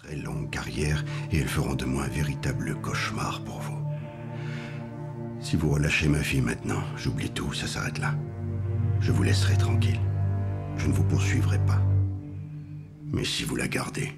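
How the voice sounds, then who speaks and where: An actor dubbing a grim father who coldly threatens his daughter's kidnappers in a slow, measured voice. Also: rumbling low, fairly even intonation, gravelly, loud music behind the voice. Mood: menacing. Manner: slow, cold, measured menace. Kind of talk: French film dub.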